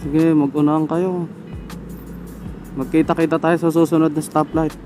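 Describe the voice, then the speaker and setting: Riding outdoors in traffic, a motorcycle vlogger with a Filipino accent mutters and swears casually into his helmet intercom microphone. He has a slightly high voice with little pitch movement, talking at normal speed while music plays in the background.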